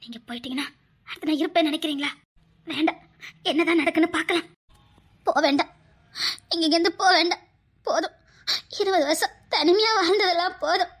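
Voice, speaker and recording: A woman's voice: very high-pitched, a little fast, long pauses, fairly bright tone. A woman with a Tirunelveli Tamil accent playing a tearful, long-suffering wife who stays devoted to her husband. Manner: tearful, earnest, emotional. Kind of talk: family drama skit.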